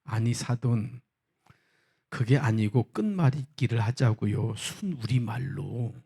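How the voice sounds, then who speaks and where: A courteous elderly grandmother speaks with prim, insistent politeness, as a male preacher puts her on. She sounds proper and a little strained, and her voice sits at an ordinary middle pitch. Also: slow, vocal fry, mellow, husky, heavily acted. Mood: politely insistent. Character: polite elderly Seoul grandmother, growing exasperated.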